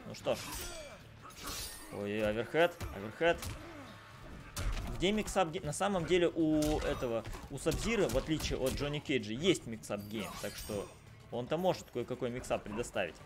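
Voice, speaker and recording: A man's voice: mid-range voice, expressive, normal speed. A man doing live fighting game commentary, slangy and exclamatory, repeating phrases for emphasis. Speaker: esports commentator. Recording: loud game music behind. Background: fighting game music and sound.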